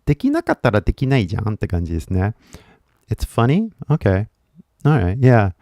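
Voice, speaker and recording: Man, native English speaker, casual livestream teacher, lively swooping pitch, dry close sound, code-switching, laughing often. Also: moderate pace, no room sound.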